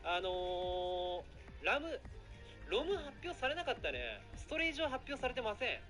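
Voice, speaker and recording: Excitable man streaming over background music. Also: sits high, normal speed. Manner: excitable, apologetic, rambling. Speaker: live streamer. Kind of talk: casual live-stream chat.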